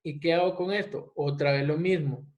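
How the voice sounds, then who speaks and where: A man teaching a step-by-step software tutorial, often asking his class rhetorical questions. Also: a little high, steady tone, normal speed. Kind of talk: screen-recorded software tutorial. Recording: echoey room, dull lo-fi mic.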